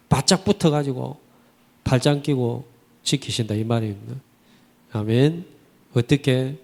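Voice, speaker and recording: Man, pastor, sermon, rhetorical questions, colloquial and animated, medium pitch, reverberant church hall. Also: creaky. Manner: asks the congregation rhetorical questions; animated, vivid colloquial storytelling. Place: church sanctuary.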